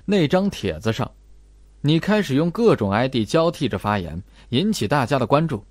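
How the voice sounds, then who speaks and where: For an audiobook, a man voices a cold, methodical investigator who probes and lays out evidence in an accusing tone. His medium-pitched voice swings widely in pitch at a normal speed, with no echo.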